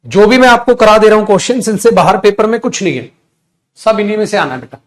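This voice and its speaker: High-voiced Indian man teaching English grammar. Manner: addresses students as beta, dictates sentences slowly then corrects quickly. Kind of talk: live online grammar class.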